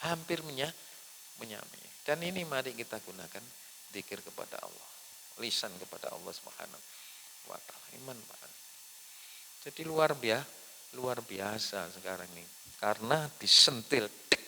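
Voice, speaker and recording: A man with a Javanese accent preaching a sermon in a mosque, building to loud emphatic lists and then dropping soft. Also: lowish voice. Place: mosque hall. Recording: echoey hall with faint hiss.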